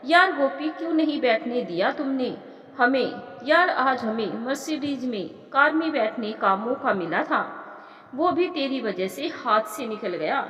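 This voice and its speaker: A woman's voice: high-pitched, lively intonation, unhurried, a bit bright. A woman voicing a chatty young female college friend who gushes and pleads. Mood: gushing. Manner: pleading, gushing. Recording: echoey room with long reverb.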